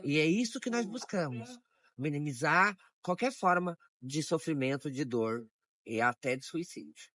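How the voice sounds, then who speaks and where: A woman in her forties giving a documentary testimony in a measured, reflective way with pauses. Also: deep voice, lively intonation, a bit bright. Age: 40s. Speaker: interviewee.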